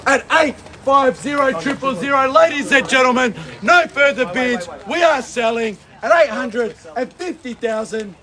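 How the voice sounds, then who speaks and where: A man's voice: very high voice, lively intonation, normal speed, few pauses, bright, forceful tone. A man calling a property auction outdoors, emphatic and projected, repeating each call. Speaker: lead auctioneer. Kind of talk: auction calling to a street crowd. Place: outdoors on a residential street.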